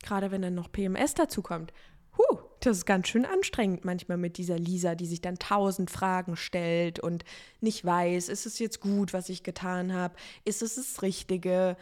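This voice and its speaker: A woman's voice: lowish voice, moderate pace, a little mellow. A woman in her thirties hosting a self-help podcast, talking reflectively and speaking straight to the listener. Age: 30s. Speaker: podcast host.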